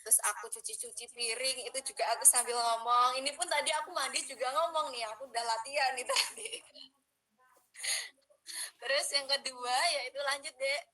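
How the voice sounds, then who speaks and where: Young woman, bright and forceful voice, casual public speaking coach, chatty with lots of fillers. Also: high voice, steady tone, fairly quick, low-quality recording. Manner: chatty, many fillers, coaching breathing drills. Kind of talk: casual online workshop talk.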